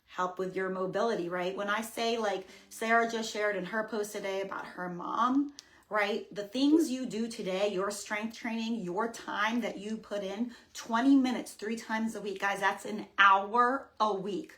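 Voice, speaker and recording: A woman's voice: mid-range voice, a little slow. Woman fitness coach, casual webinar talk, punchy and emphatic, keeps asking right?. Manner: energetic, emphatic, often checks in with "right?".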